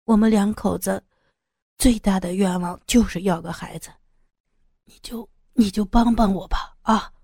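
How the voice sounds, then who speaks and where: A woman's voice: medium pitch, fairly even intonation, a little slow, creaky, warm tone, slightly rough, no room sound, clean studio sound. A woman voicing a desperate middle-aged man who sighs heavily and stammers through his pleas, in an audiobook story. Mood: pleading. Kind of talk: audiobook character voice.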